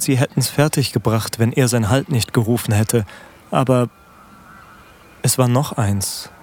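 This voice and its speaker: A man reading a classic novella aloud in a measured, solemn way. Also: mid-range voice, a little mellow, slight background noise. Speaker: narrator. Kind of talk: literary reading.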